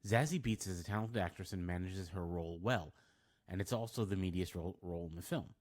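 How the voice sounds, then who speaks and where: Very deep-voiced man reviewing a film. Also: fast. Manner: wry, dry asides.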